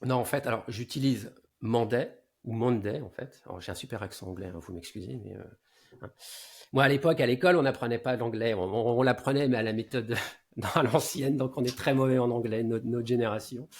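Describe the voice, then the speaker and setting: A man in his forties, a guest consultant in a casual podcast interview, explaining at length in a low-key advising tone and often letting his sentences fade out. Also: brisk.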